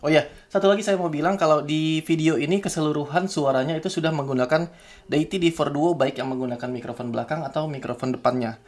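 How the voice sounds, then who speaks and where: A man's voice: on the high side, steady tone, fast, a little mellow. A man with an Indonesian accent, talking casually to camera outdoors while he tests a camera-top microphone aloud. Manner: chatty, testing mic aloud. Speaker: tech reviewer. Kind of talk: casual vlog demo. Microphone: camera-top microphone, turned front and back.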